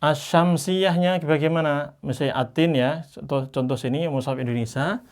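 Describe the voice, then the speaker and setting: A man teaching Quran reading in a class, patiently explaining and slowly modelling each Arabic word. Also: fairly high pitch, steady tone. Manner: patient, slows down to model Arabic words drawn out; explains by pointing at written examples.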